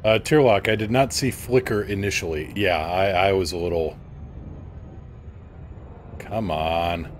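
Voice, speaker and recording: A man's voice: deep voice, fairly even intonation, normal speed, hardly any pauses, a little hiss or hum. A man chatting casually with viewers on a live game stream, joking and playful as he answers them by name. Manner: joking, playful, reads viewer names aloud.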